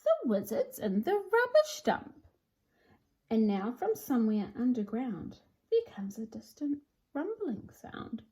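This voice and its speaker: Slow and mellow, this woman's voice sits on the high side and swoops wildly in pitch, though the audio is poor and slightly rough. She presents a children's picture book, reading it aloud with theatrical, sing-song rhyming flair.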